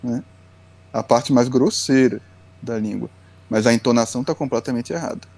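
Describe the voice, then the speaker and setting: Male podcast guest, educator; mellow, patient, lecturing delivery. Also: medium pitch, normal speed, creaky. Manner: patient, lecturing, often tags lines with "né". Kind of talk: explanatory podcast talk.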